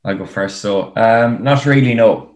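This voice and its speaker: A man's voice: fairly low pitch, a little slow. A man with an Irish accent talking casually as a guest in an interview. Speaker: podcast guest, para rower. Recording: roomy, echoing sound.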